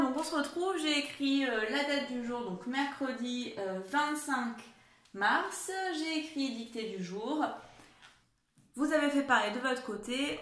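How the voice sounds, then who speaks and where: A woman's voice: high voice, fairly bright tone, roomy sound. A woman teacher giving a dictation lesson to young children, patiently spelling out words letter by letter. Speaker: primary school teacher.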